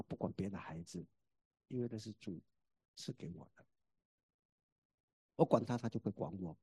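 A middle-aged father giving a sermon-style testimony about his family, telling it in an animated way that swings between loud and soft. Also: medium pitch, husky, no room sound, studio quality.

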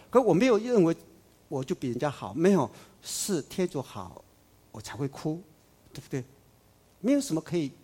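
A man preaching a sermon, emphatic, swinging between loud declarations and soft asides. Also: fairly high pitch, breathy edge.

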